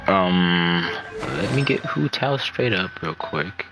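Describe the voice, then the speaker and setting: This game streamer has a low, expressive voice and speaks slowly. He rambles through casual commentary on his play, muttering to himself, while video game music runs in the background.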